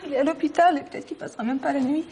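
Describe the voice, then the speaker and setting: A woman's voice: high voice, rapid-fire, warm tone, a little hiss or hum. A distraught young woman. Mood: pleading. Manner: emotional, pleading. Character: young woman pleading over her injured boyfriend. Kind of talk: film dialogue.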